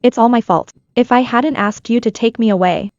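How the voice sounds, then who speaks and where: A woman's voice: fairly high pitch, moderate pace, darkish tone, no echo, dull audio, natural voice. A woman dubbing a scheming, manipulative younger sister in a drama, falsely sweet and taunting. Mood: pleading. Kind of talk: English drama dub.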